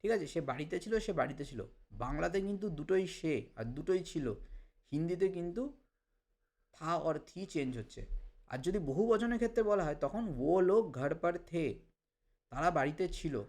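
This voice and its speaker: A man with a Bengali accent teaching a language lesson, repeating example phrases slowly for learners. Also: on the high side, expressive, a little mellow. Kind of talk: explanatory lesson.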